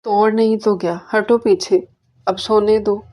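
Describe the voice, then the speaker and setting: A woman's voice: medium pitch, steady tone, dark tone, lightly acted. A woman voicing a drowsy, mischievous young husband in a romantic audiobook novel. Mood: sleepy teasing. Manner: teasing.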